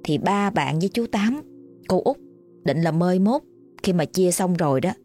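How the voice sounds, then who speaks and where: A woman with a Southern Vietnamese accent narrates a ghost story in a chatty, folksy voice, leaning on fillers. Her pitch sits a little low, and faint music plays beneath. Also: expressive, normal speed, dark tone.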